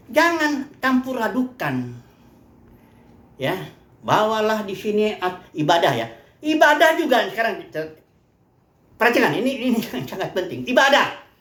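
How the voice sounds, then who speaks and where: A woman's voice: on the high side, a bit bright, echoey room. A woman preacher from Indonesia teaching a Bible lesson conversationally, asking questions and answering them herself. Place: place of worship.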